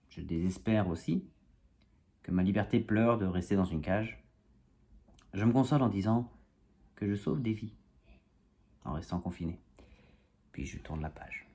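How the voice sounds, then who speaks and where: Self-mocking and jokey, an amateur poet with a lowish voice recites his own poem indoors at home, tossing in asides between verses for a casual home video.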